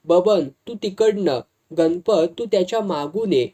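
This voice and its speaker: A bossy man in a suit, as a storyteller puts him on scolds and orders his gang about. The voice is warm and dark. It belongs to a told folk story. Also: high-pitched, expressive, a little slow. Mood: scolding. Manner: scolding, commanding. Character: bossy suited man ordering hired thugs.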